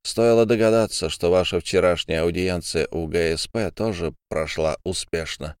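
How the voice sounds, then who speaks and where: A man reading an audiobook, voicing a calm, measured male official with a faintly mocking edge. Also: sits low, clear, resonant tone, no room sound, studio quality, lightly acted. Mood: cool. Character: cool, composed male official, quietly cutting.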